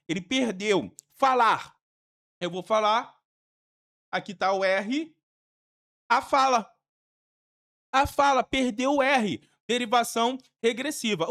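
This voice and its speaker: A woman's voice: fairly high pitch, fairly bright tone. A woman with a Brazilian Portuguese accent gives an exam-prep grammar lesson. She is emphatic and repetitive and uses casual slang. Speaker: teacher.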